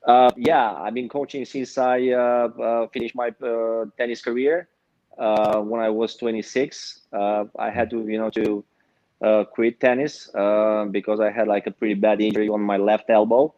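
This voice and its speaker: A Romanian man in his thirties, a pickleball pro with a Romanian accent, is a guest in a casual interview, speaking hesitantly with many fillers. His voice is fairly low, level and darkish, at normal speed. The recording has no room sound, with a dull, dry lo-fi quality.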